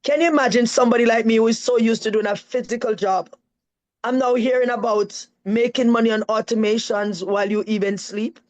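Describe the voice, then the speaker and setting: A woman's voice: on the high side, fairly even intonation, fairly quick, low-quality recording. Emphatic Jamaican woman telling her story. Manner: earnest and emphatic, often adds "right?". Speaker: interview guest. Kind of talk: live-stream interview, telling her story.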